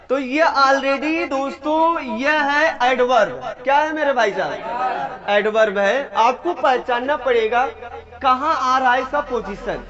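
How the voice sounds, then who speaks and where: A man's voice: very high voice, highs cut off. A male English grammar teacher, giving a classroom lesson and repeatedly quizzing his students. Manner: repeats questions to the class, coaxing.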